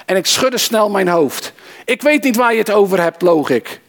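A preacher doing a remorseful apostle confessing his failure in the first person, in a sermon monologue. His voice sits a little high for a man. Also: animated, normal speed. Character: remorseful male apostle, adult, once impetuous.

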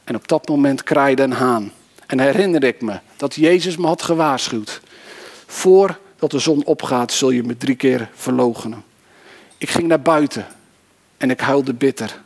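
A man's voice: medium pitch, measured pace. A man voicing a remorseful apostle confessing in first person, in a dramatic monologue within a sermon. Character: remorseful male apostle, adult, once impetuous.

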